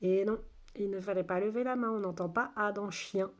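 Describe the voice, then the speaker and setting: A woman teaching a phonics lesson to young children, saying each word slowly twice in an exaggerated way, patient and clear. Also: medium pitch. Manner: slow, exaggerated word pronunciation. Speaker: kindergarten teacher.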